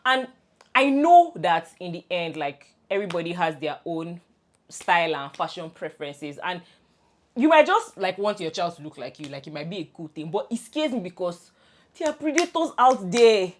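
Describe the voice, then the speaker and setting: This podcast co-host, a young Nigerian woman, talks at a moderate pace in a voice on the low side. In a relaxed chat with her best friend, she tells animated stories, laughing a lot and often starting over.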